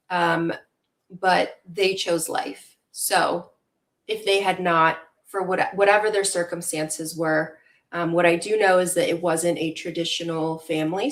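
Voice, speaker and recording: Earnest young woman, lowish voice. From Venezuela. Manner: earnest, reflective, many fillers. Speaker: guest. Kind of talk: casual interview talk.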